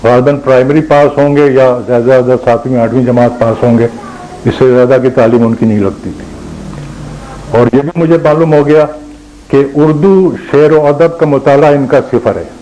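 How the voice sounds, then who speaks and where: Older male lecturer, mellow tone, measured questioning delivery, faint noise behind. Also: mid-range voice, rough recording. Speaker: former college principal and teacher. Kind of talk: lecture with anecdotes.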